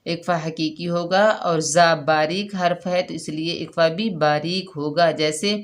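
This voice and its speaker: A woman leads a Quran recitation lesson. She explains each rule patiently and repeats it. When she demonstrates, she draws the syllables out slowly and deliberately. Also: lowish voice, steady tone. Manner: slow, drawn-out syllables when modelling recitation.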